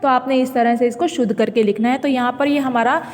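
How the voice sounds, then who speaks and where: A woman teacher slowly reading out a school exercise, dictating words one by one with patient explanations. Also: high voice, steady tone, darkish tone, long reverb tail. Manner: slow, patient word-by-word dictation.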